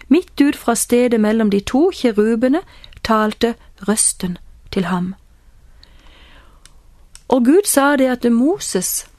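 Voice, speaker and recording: A woman teaches from the Bible in a calm, explaining way. Her voice is fairly high, and the recording is close and dry. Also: no room sound.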